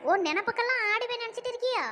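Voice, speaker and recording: A woman's voice: extremely high pitch, very fast, loud music behind the voice. A woman voicing a stern, scolding village mother in a cartoon who nags and threatens her daughter. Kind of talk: cartoon dub acting.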